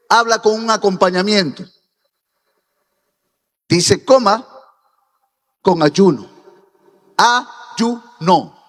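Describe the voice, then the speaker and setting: A man's voice: sits high, a bit bright. A man from Peru preaching a sermon as pastor, pressing his points and rising to emphatic peaks. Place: church hall. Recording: reverberant church hall.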